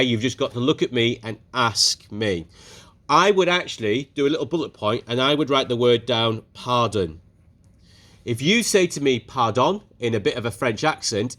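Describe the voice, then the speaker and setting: Man, teacher, classroom lesson, brisk, encouraging, quizzes the class. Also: mid-range voice, fairly bright tone. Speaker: French teacher. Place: school classroom.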